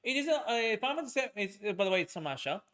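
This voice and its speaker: This casual chat features a rambling streamer and podcaster whose raised voice is high, sing-song, pushed and bright, delivered rapid-fire with lots of fillers and restarts.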